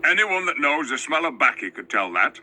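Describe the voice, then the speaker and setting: A surly storybook dwarf, as a male reader puts him on, who talks fast and very sharply. He is suspicious and scornful, complaining in rough everyday speech. His indignation keeps the pitch jumping around. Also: sing-song, pushed and bright, a little hiss or hum, heavily acted. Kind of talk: dramatized storybook reading.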